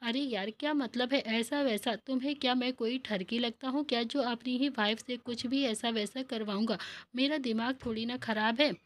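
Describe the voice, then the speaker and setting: A woman's voice: fairly high pitch, fairly even intonation, normal speed, lightly acted. A woman storyteller reading the lines of a young husband who scolds and teases his wife, in a plain speaking voice. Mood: teasing. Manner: scolding, then coaxing. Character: young husband, teasing and bossy.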